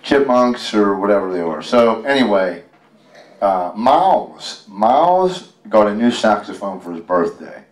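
An American man from Western Pennsylvania reads a picture book aloud at a casual library storytime, joking and adding folksy asides before a live audience. His voice is fairly low, expressive, and a little slow. A helper holds the handheld microphone, so the sound is roomy and distant.

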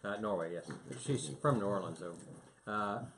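A man's voice: lowish voice, animated, measured pace, crowd noise. A middle-aged man co-hosting a casual podcast, easygoing and laughing often while he reads out listener names. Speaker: podcast co-host. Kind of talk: casual chat.

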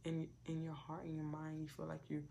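Woman preacher, low gravelly voice, chatty testimony-style delivery with hushed asides. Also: monotone, a little fast, slight background noise. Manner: conversational and repetitive, with many "like" fillers and hushed asides. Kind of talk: casual preaching and personal testimony.

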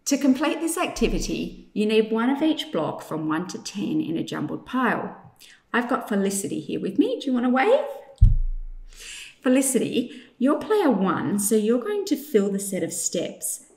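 A woman teacher leading an instructional lesson for young children, enunciating clearly and guiding with simple questions. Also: on the high side, big pitch swings, moderate pace, a little mellow. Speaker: teacher presenting a maths activity. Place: indoors in a room, demonstrating at a tabletop. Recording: echoey room.

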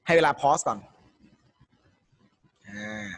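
A man's voice: slow, a bit bright, no echo. Quizzing male tutor on a dry close mic. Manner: explains step by step, quizzing students with questions. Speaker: Thai language tutor. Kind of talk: exam-prep lesson.

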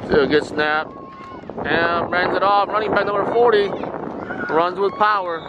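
A man's voice: high voice, moderate pace. Man doing windy amateur football play-by-play. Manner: clipped short phrases, rising with excitement during plays. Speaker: parent filming and commentating a youth football game. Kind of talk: amateur play-by-play sports commentary. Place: outdoor football field. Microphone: camera microphone exposed to wind. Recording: muffled outdoor recording, loud wind noise. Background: loud wind and outdoor ambience.

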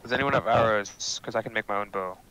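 A man's voice: lowish voice, fast, pushed and bright. Irritable, foul-mouthed young gamer man. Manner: irritable, swears constantly. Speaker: player in game chat. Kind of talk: casual gaming banter. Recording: very noisy mic with keyboard clicks.

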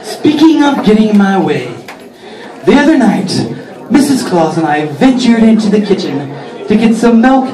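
A man's voice: high-pitched, big pitch swings, normal speed. A man doing a crude stand-up set in a comedy club, with brash punchlines and short sung bits. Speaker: stand-up comedian in Santa costume. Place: comedy club stage with live audience. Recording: roomy club sound from far mic. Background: crowd laughter.

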